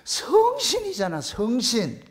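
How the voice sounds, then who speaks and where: A man preaching a sermon, retelling the story in a colloquial, animated way and voicing the characters. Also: very high voice, slow pace. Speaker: pastor.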